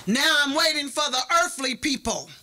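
A woman's voice: high-pitched, lively intonation, moderate pace, bright, forceful tone. A woman, a grieving mother, speaking fervently at a podium microphone in a public meeting hall, with a preaching cadence. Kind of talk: impassioned public comment.

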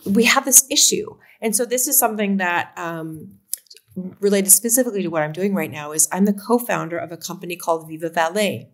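Fairly low-pitched and brisk, a woman from Oregon in her fifties talks casually as a company co-founder. She is being interviewed over a webcam video call at home, with an American accent and animated gestures.

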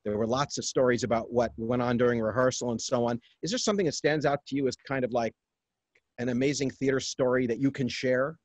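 A man hosting an interview, asking questions in relaxed, searching phrasing. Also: mid-range voice, fast talker, no echo.

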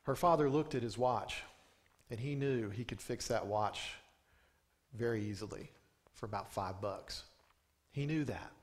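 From the pulpit microphone of a small indoor church sanctuary, a pastor in his thirties delivers a sermon in an unhurried mid-range voice with long pauses. He tells stories earnestly and lifts his voice on emphatic rising lines.

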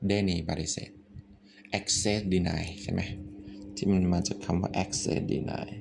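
A man with a Thai accent, teaching English vocabulary in a relaxed way, thinking out loud and swearing offhandedly. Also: sits low, takes it slowly, gravelly, a little hiss or hum. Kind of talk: casual spoken vocabulary lesson.

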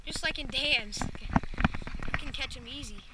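A young man hosting a fishing vlog from a small boat on a lake, talking excitedly to viewers as he reels fish in. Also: very high voice, slow pace. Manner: excitable, talks to viewers while reeling in. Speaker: fishing vlogger host. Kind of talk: excited casual narration to camera. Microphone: action camera on the boat. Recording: distant action-cam audio, loud outdoor noise.

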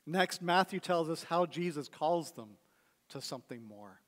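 High-voiced pastor preaching in a reverberant hall. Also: male voice, animated, measured pace, fairly bright tone. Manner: conversational preaching with rhetorical questions. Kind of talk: sermon. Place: church sanctuary. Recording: long church hall reverb.

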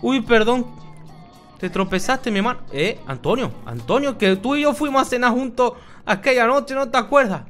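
A man's voice: very high-pitched, lively intonation, moderate pace, fairly bright tone, soft background music. A man voicing a stoned, rambling drug-addict character who swears a lot, as comic commentary over gameplay. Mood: pleading, angry. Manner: rambling, swearing, keeps calling people "my brother". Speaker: gaming YouTuber in character.

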